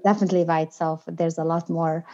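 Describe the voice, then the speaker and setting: A woman with a somewhat low voice talks reflectively in an interview. Her phrasing is earnest and emphatic, chosen with care. The recording is slightly dull and lo-fi. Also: steady tone, fast talker, mellow. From outside the United States. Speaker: podcast guest, inclusion and diversity consultant.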